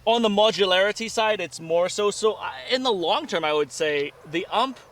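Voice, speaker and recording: A man's voice: high voice, normal speed, a bit bright. A man hosting a casual firearms review, talking outdoors at a range. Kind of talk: casual chat, gun review. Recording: distant mic, faint outdoor noise.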